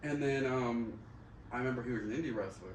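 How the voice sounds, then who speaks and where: A man chats casually and candidly, swearing freely and repeating himself in slangy, conversational phrases. His voice is mid-range and fast, caught on a distant mic in a roomy space with faint background noise.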